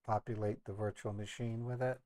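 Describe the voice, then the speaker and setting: A man's voice: fairly low pitch, flat delivery, brisk, darkish tone, no room sound. A man with an American accent hosting a live stream, talking casually and unhurriedly as he thinks aloud. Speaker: live stream host who calls scammers.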